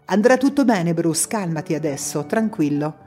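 An insistent mother nags and coaxes firmly in a storybook reading, as a woman plays her. Her tone is low, soft and mellow. Faint music runs under the voice. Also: lively intonation, moderate pace, close to an everyday voice. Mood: coaxing. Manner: firm, coaxing, pushy. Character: insistent, nagging middle-aged mother on the phone. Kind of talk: audiobook reading.

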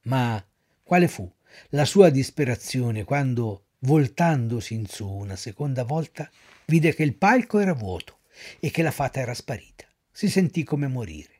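A man reading a storybook aloud in an animated, dramatic way. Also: medium pitch, moderate pace.

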